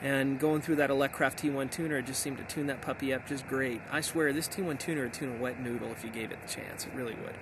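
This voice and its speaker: A middle-aged American amateur radio vlogger, out in hilly backcountry, delivers a casual and enthusiastic summary. His voice is mid-range and steady, fast and with few pauses, and ambient outdoor noise can be heard behind it.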